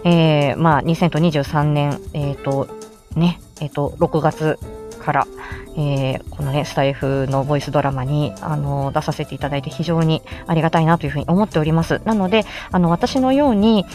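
Speaking in a low voice with fairly even intonation at a moderate pace, a woman teaches how to make voice samples on an informal livestream over soft background music. Her tone is a little mellow; she's chatty and explanatory, a speech therapist and amateur voice actor who greets listeners by name.

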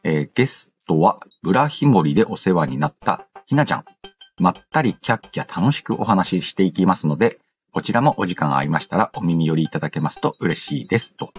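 A man with a low voice and lively intonation hosts a casual, radio-style show at a brisk pace, with faint music behind him. He reads listener letters aloud and answers what he reads with playful quips and retorts.

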